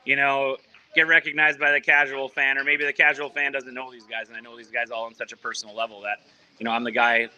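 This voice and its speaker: Speaking fast in a flat, pushed, bright voice of middle range, a soccer club man gives a casual remote interview by video call from the training ground. His tone is clear and resonant despite the rough recording, and he rambles, constantly restarting and filling gaps.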